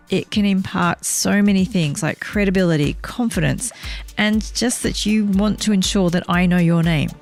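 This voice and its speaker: A low-pitched woman talks through a solo podcast episode, giving advice in a clear, measured coaching manner. Her voice has a gravelly edge of vocal fry. Soft music plays faintly beneath her. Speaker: podcast host. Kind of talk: solo podcast monologue giving speaking tips.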